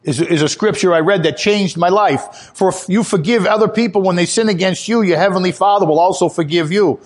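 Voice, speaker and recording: Guy preaching a sermon, fairly high voice, earnest testimony style, gets louder on the big points. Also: brisk. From Italian heritage. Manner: earnest testimony, rises in pitch when emphatic.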